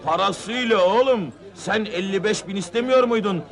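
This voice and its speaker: An actor playing a gruff, bossy tough-guy football club boss in a comedy film, barking orders and threats. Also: high-pitched, normal speed. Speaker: team manager. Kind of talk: 1970s comedy film dialogue.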